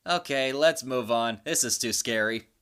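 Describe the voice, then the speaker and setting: A speaker presenting a countdown in a horror-host manner, with theatrically spooky asides and dramatic pauses. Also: medium pitch, fairly bright tone, slight background noise. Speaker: host of a top-ten creature countdown video. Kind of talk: spoken countdown commentary, semi-improvised.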